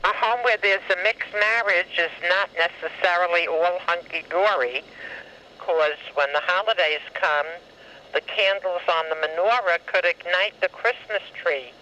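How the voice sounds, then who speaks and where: Older mother on a voicemail: bright, insistent voice, fretful advice, muffled phone sound. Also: on the low side, a little slow. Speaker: mother phoning her adult daughter. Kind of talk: leaving a voicemail. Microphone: telephone. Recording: dull, noisy answering-machine phone recording.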